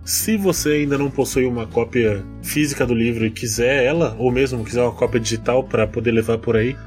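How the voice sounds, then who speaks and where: A man's voice: mid-range voice, fairly quick, faint music behind. A man with a Brazilian Portuguese accent co-hosting a podcast in casual book club chat. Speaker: podcast co-host.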